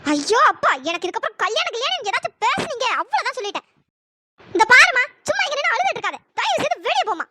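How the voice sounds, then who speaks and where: A voice actor playing a young wife in a cartoon story, heartbroken and bitter, with a high pitch-shifted voice. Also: big pitch swings, very fast, pushed and bright, exaggerated voice. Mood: irritated. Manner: wailing then scornful.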